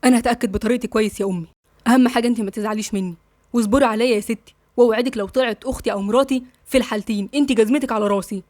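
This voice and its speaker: A woman's voice: on the high side, fairly even intonation, rapid-fire, a little mellow, no room sound, studio quality, natural voice. A woman with an Egyptian accent voicing a proud, angry young man, in a tense, clipped way. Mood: pleading.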